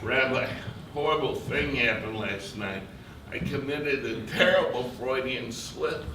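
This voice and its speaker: A man acting out a flustered fellow owning up to his rabbi, sheepish and halting. The voice sits far from the mic in a very echoey theater, with a clear hiss underneath. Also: medium pitch, bright, forceful tone. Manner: sheepish then bursting out. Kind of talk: stage comedy acting. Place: theater stage. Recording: distant echoey stage recording with hiss.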